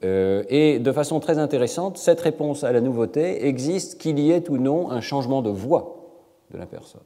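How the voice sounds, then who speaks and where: A man's voice: medium pitch, animated, dark tone. Man lecturing in a reverberant hall. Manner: measured, with frequent hesitations. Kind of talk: academic lecture.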